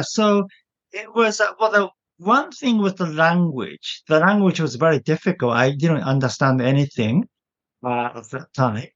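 A Japanese man, a native Japanese speaker, answering interview questions in English with a partly British accent, often pausing to search for words. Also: on the high side, fairly bright tone, dull audio. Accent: Japanese English with British influence. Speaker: guest.

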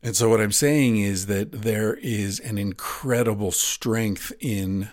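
A man's voice: on the low side, slow, darkish tone, dry recording, studio quality. A man talking frankly and earnestly in a casual critique of a book, now and then swearing. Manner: frank, earnest, profane at times.

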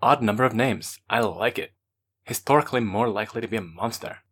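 A man's voice: lowish voice, a little fast, a bit bright, slightly rough. A man voicing a flamboyant, narcissistic male celebrity streamer in an audiobook, with a lisp and a put-on posh London accent. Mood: affected. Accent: faux posh London. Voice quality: lispy.

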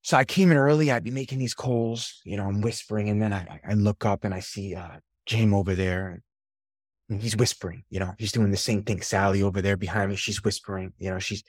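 A man, a podcast guest and sales coach, telling stories from his career in a lively, casual way and swearing now and then. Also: fairly low pitch, a little fast, dry recording, clean studio sound. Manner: animated storyteller, swears casually. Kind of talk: casual interview storytelling.

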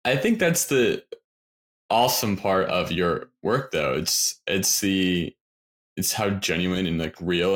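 A man with a very deep voice hosts a podcast conversation. He speaks in an upbeat, encouraging way and reassures his guest. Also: fairly bright tone. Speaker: podcast host. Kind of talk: casual interview conversation.

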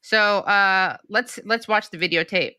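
A woman's voice: medium pitch, measured pace, very noisy. A woman co-hosting a podcast, chatting casually and reading news items aloud with wry, dry humor. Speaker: podcast co-host.

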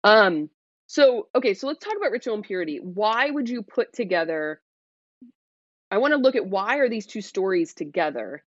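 A woman hosting an online Bible discussion, talking through scripture in a relaxed, chatty way, with frequent fillers and "right?" tag questions. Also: medium pitch, moderate pace, no echo, lo-fi sound. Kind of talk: casual scripture commentary.

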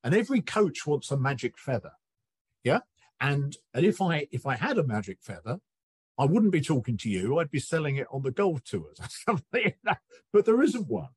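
Husky-voiced man, animated storyteller. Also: on the high side, dry recording. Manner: animated storyteller, acts out quick quoted voices. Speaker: guest, coaching researcher. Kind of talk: relaxed interview conversation.

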